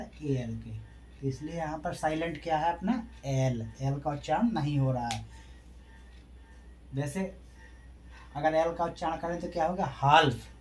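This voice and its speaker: An English teacher leads a classroom lesson explained in Hindi, his voice a little high and a little mellow, with slight background noise. He asks questions and answers them himself, and spells out letters one at a time.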